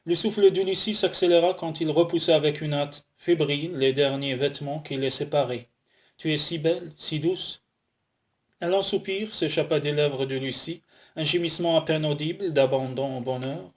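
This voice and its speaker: A man reading a romance novel aloud as an audiobook narrator, in a measured, smooth storytelling manner. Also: a little high. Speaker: audiobook reader.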